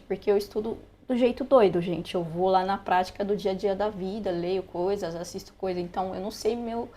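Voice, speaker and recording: A young woman with a Brazilian Portuguese accent shares study tips as a language learner, casually narrating a screen-recorded lesson with frequent asides. Her voice is mid-range with a dark tone, and there's a little hiss or hum.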